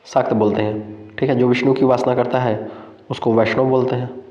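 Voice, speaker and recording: A man leads an exam-prep lesson, repeating each term over and over and putting questions to his listeners. His delivery stays flat and even. The sound is dull and lo-fi, with a long, roomy echo. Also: medium pitch, fairly quick. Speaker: Hindi exam-prep teacher. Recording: echoey, dull lo-fi room sound.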